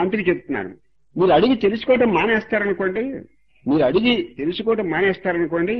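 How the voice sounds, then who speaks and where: A man's voice: sits high, dull audio. A man giving a religious discourse as a spiritual teacher, moralizing and repeating each point to drive it home.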